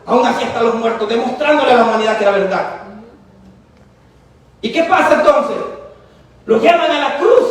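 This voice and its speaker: A man's voice: extremely high pitch, fairly bright tone. A man preaching a sermon with fervor, calling out to his congregation. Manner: fervent, calls out to the congregation. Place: church. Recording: echoey hall, mic far off.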